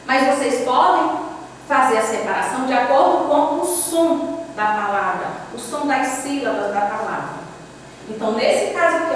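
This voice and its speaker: High-voiced Brazilian woman teaching from afar. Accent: Brazilian Portuguese. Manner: explanatory, repeats and counts out examples. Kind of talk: classroom grammar lesson. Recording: echoey hall, voice from far off, faint hum.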